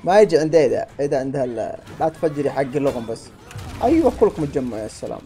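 A man commentating casually on his own gameplay, talking to viewers and yelling at enemies. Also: mid-range voice, rapid-fire, a little hiss or hum. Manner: excitable, talks to himself and viewers, shouts at enemies. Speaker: gameplay streamer.

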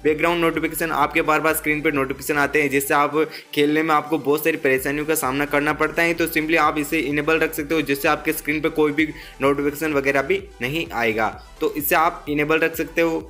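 A man's voice: on the high side, little pitch movement, a little fast, hardly any pauses, bright, forceful tone, faint music behind. A man with an Indian accent giving a casual step-by-step phone tutorial, instructing viewers directly and often repeating himself. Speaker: tech tutorial host.

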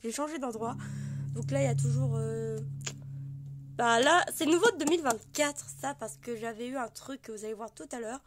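A woman with a hoarse voice from a cold, gushing and rambling with many fillers as she shows off her collection in a casual vlog. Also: a little high, moderate pace. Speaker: vlogger showing her collection. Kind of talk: casual show-and-tell. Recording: noticeable background noise.

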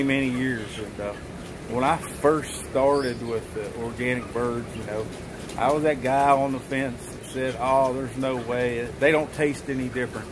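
A plainspoken farmer talks in a folksy, easygoing way outdoors. Clear outdoor noise, with birds and vehicles, surrounds him. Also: male voice, medium pitch. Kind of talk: casual interview.

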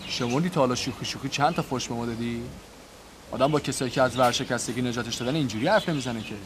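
An actor playing a sly, bold kidnapper who taunts his boss, often speaking in a hushed voice. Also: mid-range voice, noisy background, natural voice. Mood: taunting.

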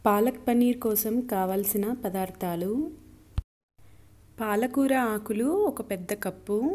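Calm woman narrating a recipe. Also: mid-range voice. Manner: calm step-by-step instructions. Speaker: cooking channel host.

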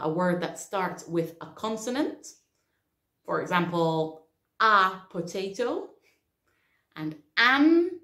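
A woman teaching grammar in an online lesson, explaining clearly with a dry sense of humor. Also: mid-range voice. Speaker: English teacher. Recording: echoey room.

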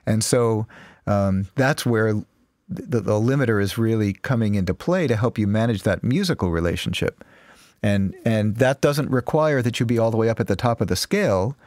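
A man who is a mastering engineer, giving measured technical explanations as an interview guest. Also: fairly low pitch, expressive, a little mellow, dry recording, studio quality.

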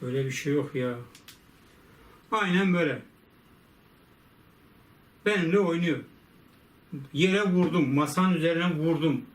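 A man's voice: fairly high pitch, unhurried, long pauses. A man hosting a repair vlog in casual chat, exasperated and grumbling as he talks to himself and his viewers. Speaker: repair video host. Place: home repair workshop.

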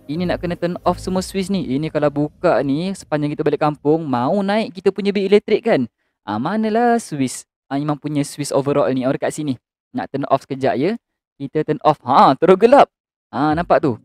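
A young man with a high, light voice hosts a casual game role-play as a fussing father. He talks in a lively, joking, bossy way, with faint game music behind.

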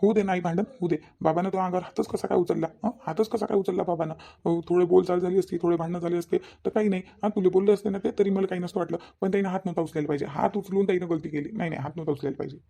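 A woman's voice: on the low side, fairly even intonation, very fast, vocal fry, warm tone. A woman voicing a devoted young adult son in a cartoon, with an insistent, pleading manner. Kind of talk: cartoon voice acting.

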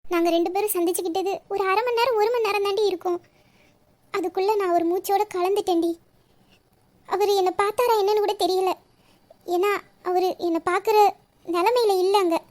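A woman's voice: extremely high pitch, steady tone, brisk, long pauses, darkish tone. A woman voicing a troubled young woman who speaks hesitantly and evasively about her marriage. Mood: confessing. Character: troubled young bride-to-be, secretly in love. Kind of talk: audio story reading.

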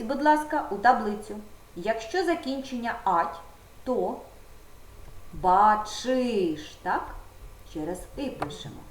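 A woman teaching a primary school video lesson, patiently guiding the pupil step by step. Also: mid-range voice. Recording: roomy echo with faint background noise.

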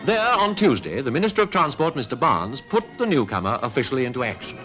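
A man, narrating a 1950s newsreel in a crisp, declamatory announcing manner. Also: medium pitch, sing-song, fast, music in the background.

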